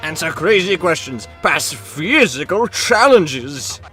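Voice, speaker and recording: A man voicing a manic, showy game show host in the manner of a booming prize announcer. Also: big pitch swings, slow pace, sharp tone, soft background music, exaggerated voice.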